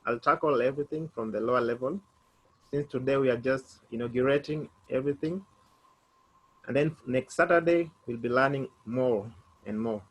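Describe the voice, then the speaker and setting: A man's voice: mid-range voice, normal speed, breathy edge. A man teaching a beginner French lesson online, spelling words out letter by letter.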